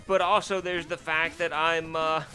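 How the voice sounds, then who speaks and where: A let's play host with a fairly deep voice talks over the game he's playing, his tone level, a little slow, pushed and bright. His commentary is casual and rambling, packed with fillers, restarts and self-deprecation, broken by sudden startled yelps. Faint game music plays behind him.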